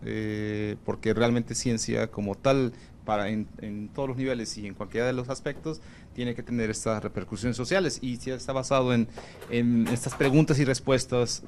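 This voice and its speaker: Guy student thinking out loud in class, lots of eh, faint noise. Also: mid-range voice. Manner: hesitant, asks "¿no?" often. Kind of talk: class discussion answer.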